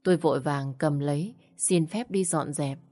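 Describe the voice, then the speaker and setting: A woman's voice: sits low, moderate pace, warm tone. A woman narrating a first-person audio story in a plain, sorrowful way.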